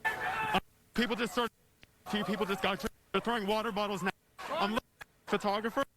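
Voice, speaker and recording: A man's voice: high voice, steady tone, brisk. A male field reporter giving a live breaking-news update from a street protest, speaking in urgent, fragmented bursts through a crackling mic that keeps cutting out. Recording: crackling live field feed over a loud crowd and noise. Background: loud crowd.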